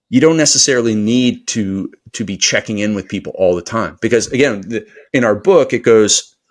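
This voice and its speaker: A man with a fairly low voice talks as a guest on a podcast. He is a performance coach. His delivery is energetic and motivational, rambling along with plenty of fillers. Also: moderate pace. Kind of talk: podcast interview conversation.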